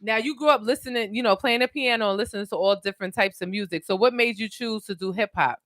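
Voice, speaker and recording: A woman's voice: medium pitch, fast, fairly bright tone. A woman hosting a casual interview, upbeat and teasing. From Queens, New York. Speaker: host.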